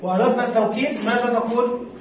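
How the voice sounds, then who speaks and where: High-voiced male teacher in an echoey room. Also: level tone, fast talker, background noise. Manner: explains step by step, quizzes students, drags out example words. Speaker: teacher of Arabic morphology. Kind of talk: classroom lesson. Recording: echoey room, distant dull lo-fi mic.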